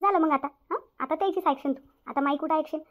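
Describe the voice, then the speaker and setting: Over dull lo-fi audio, a woman with a natural, high-sitting voice speaks fast as a stern, self-pitying middle-aged mother-in-law in a cartoon family drama. In a Vidarbha Marathi accent, she scolds bitterly and nags through repeated rhetorical questions.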